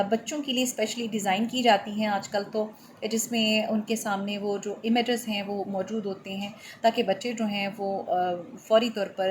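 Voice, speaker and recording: A middle-aged woman, explaining a lesson in a measured way, with many fillers and English terms. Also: medium pitch, slight background noise. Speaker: lecturer. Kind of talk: explanatory lecture.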